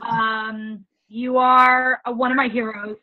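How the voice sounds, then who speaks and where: A woman saying goodbye to a friend on a video call, talking fast and affectionately. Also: a little high, little pitch movement. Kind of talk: casual chat. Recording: tinny phone-like call audio.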